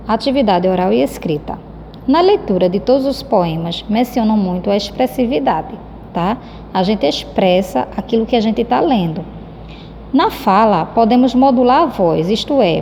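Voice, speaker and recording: A woman's voice: medium pitch, a little mellow. A Brazilian woman teaching a recorded lesson. She speaks affectionately and keeps checking in with her students. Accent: Brazilian Portuguese. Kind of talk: recorded lesson explaining a textbook. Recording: reverberant room with faint background noise.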